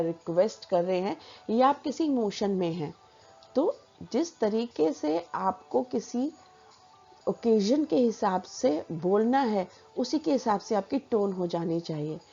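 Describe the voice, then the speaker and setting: A woman teaching a personality development lesson, explaining in a measured way with spoken examples. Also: mid-range voice, mellow, slightly rough, dull audio.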